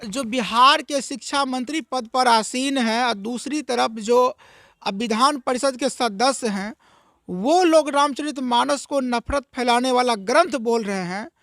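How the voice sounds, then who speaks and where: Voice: medium pitch, measured pace, fairly bright tone, no room sound, studio quality. An interviewer who asks long, probing questions with some hesitations. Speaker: interviewer, news reporter.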